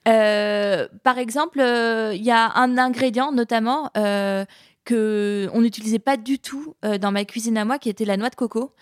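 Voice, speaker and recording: A woman who cooks Indian food for a living, chatting in an interview and pausing often as she thinks aloud. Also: a little high, fairly even intonation, clear, resonant tone, dry recording, clean studio sound. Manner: hesitant, thoughtful, many pauses and restarts. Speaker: chef of Indian cuisine. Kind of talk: casual interview conversation.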